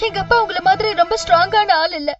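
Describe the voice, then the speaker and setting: An earnest, pleading family-minded woman in her thirties, very high voice, serial drama with distant, dull sound and music behind. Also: steady tone, fast talker. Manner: pleading, respectful, repeatedly says "sir". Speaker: lead character in a TV serial. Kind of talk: television serial acting. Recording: distant dull TV audio with background score.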